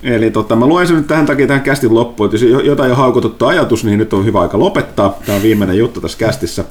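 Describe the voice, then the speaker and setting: A man from Finland who runs a tabletop game as game master, narrating the scenes with animated storytelling. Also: medium pitch.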